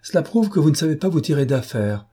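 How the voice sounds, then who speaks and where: A man's voice: on the high side, sing-song, fast talker, dark tone, slightly rough, voice pushed up. A man voicing an impish, badly-behaved young noblewoman in an audiobook, teasing and impertinent.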